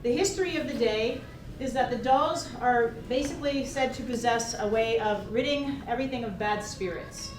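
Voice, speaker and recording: A woman presents a cultural festival, explaining it clearly to the people gathered. She is recorded from a distance in a roomy, echoing space with a lot of noise around her. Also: a little high, normal speed. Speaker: event presenter. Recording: roomy, distant, noisy event audio.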